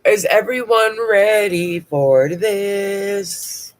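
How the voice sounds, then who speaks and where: Speaking very slowly in a mid-range voice, a woman with a bad cold reviews makeup on a casual livestream. As a vlogger she's chatty and blunt, tossing in casual swear words as she goes.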